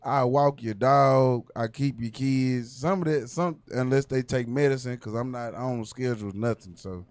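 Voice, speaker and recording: A man's voice: mid-range voice, normal speed, few pauses, no echo. A man on a comedy podcast, joking in a brash, profane way. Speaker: comedian guest. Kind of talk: casual podcast chat.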